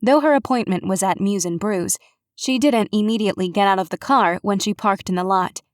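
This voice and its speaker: Woman narrator, measured cozy-mystery read, dry close studio sound. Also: medium pitch, no room sound. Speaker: audiobook narrator. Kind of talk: scripted narration.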